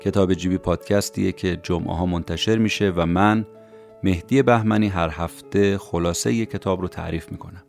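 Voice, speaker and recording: A man hosting a podcast, calmly summarizing a book for listeners in scripted narration. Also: low voice, creaky, faint music behind. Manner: calm, explanatory, addresses listeners directly. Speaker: podcast host summarizing books.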